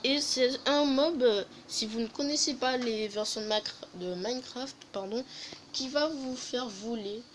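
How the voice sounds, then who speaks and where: A woman with a fairly high voice speaks a little slowly in a low-quality recording with slight background noise. Hosting a casual review of a game update, she sounds hesitant, filling her speech with fillers, self-corrections and jokey, self-mocking asides.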